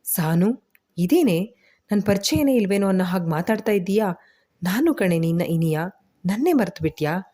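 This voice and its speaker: A woman's voice: fairly low pitch, normal speed, mellow, lightly acted. A woman voicing a heartbroken young father who talks in a tearful, pleading way to his baby and his lost love. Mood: hurt.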